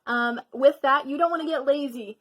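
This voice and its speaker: A woman's voice: high-pitched, normal speed, a bit bright. A teenage girl giving a casual violin section lesson, chatty and encouraging, with lots of ums. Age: teens. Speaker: student violin teacher.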